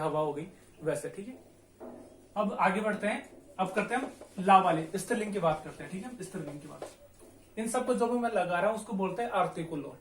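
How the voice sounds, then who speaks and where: Guy from india teaching a class, pretty high voice, spells stuff out slow and says everything twice, echoey room. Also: a little hiss or hum. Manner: slow and patient, spells words letter by letter and repeats them often. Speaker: Spanish teacher. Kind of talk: classroom-style language lesson.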